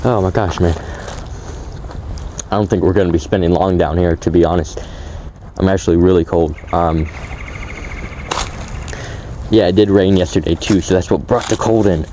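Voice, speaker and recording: Shivering low-voiced man rambling outdoors. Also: fairly even intonation, normal speed, pauses often, mellow, slight background noise. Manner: rambling, many fillers and restarts. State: shivering from cold, voice cracking. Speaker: outdoor building vlogger. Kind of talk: casual vlog narration. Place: outdoors by a creek.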